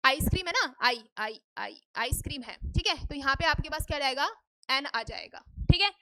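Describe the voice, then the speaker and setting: तेज़ ऊँची आवाज़ वाली शिक्षिका. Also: female voice, sits high, lively intonation, a little fast, sharp tone. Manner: asks students questions and answers them herself, repeats "ठीक है?". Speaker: English teacher. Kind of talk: Hindi-English grammar lesson. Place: classroom.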